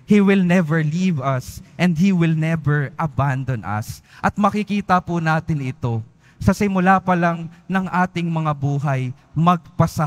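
A man, a priest, giving an earnest sermon, repeating phrases and letting his voice fall at the end of each one. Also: on the high side. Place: large church. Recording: long church reverb.

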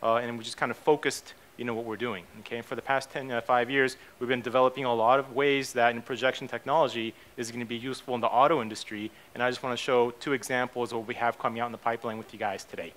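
Speaking at medium pitch in a level tone, this man talks quickly with few pauses; his voice is a bit bright, and there's a slight hiss or hum. Born in Japan and raised in the United States, he's a company CEO giving a casual keynote on a conference stage in a hotel hall, peppering it with fillers and "okay?" and "right?" checks.

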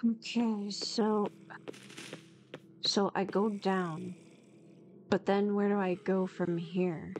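A woman streaming a horror game, talking slowly in a mid-range voice. She is jumpy and uneasy, muttering her thoughts aloud in short bursts. The recording has clear background noise and game ambience. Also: medium pitch, fairly even intonation, darkish tone. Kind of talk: casual horror game commentary. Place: small home room, indoors. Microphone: desk microphone on a boom arm near the face. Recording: clearly noisy room microphone with background noise.

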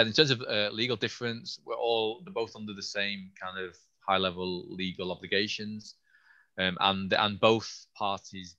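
A scientist hosting an online Q&A, answering questions haltingly with many restarts while losing his voice a little. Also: sits low, bright, forceful tone, highs cut off. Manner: halting, with frequent restarts and fillers. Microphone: video call.

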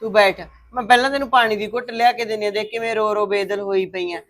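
A woman's voice: medium pitch, steady tone, fast talker, fairly bright tone, lightly acted. A middle-aged woman acting a motherly aunt who comforts a crying niece with proverbs. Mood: soothing. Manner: soothing, proverb-quoting. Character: motherly aunt, soothing and stern. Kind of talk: Punjabi web drama acting.

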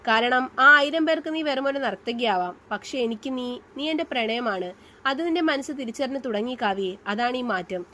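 A woman's voice: sits high, normal speed, bright, forceful tone, a little hiss or hum. Manu, a cocky young college leader, read by a woman. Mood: teasing, tender. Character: young male college union leader, confident, teasing, romantic.

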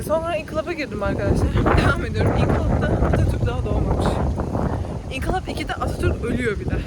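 A woman's voice: on the high side, background noise. A young woman in her twenties, a university student, venting animatedly in a casual vlog, filmed on a phone outdoors. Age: 20s. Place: outdoors on campus streets, windy. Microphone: phone camera at arm's length.

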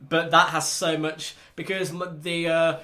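Bright-voiced British man chatting. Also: on the high side, flat delivery, unhurried. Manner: chatty, laughs often, many restarts. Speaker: podcast host. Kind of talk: casual chat.

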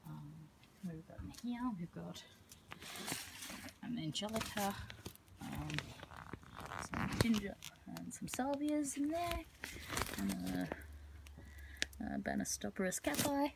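A woman's voice: mid-range voice, very animated, slow pace, creaky, long pauses, heavy background noise. A woman, a herbalist giving a casual tour of her outdoor garden, talking into a handheld phone in a rambling way with frequent ums.

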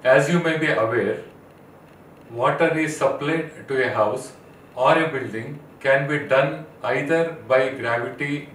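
A middle-aged man with an Indian English accent, presenting a scripted technical lesson in a measured, list-like way. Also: medium pitch, a bit bright, slight background noise. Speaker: plumbing expert presenter. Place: studio set, indoors. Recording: roomy echo, mic at a distance, faint ambience.

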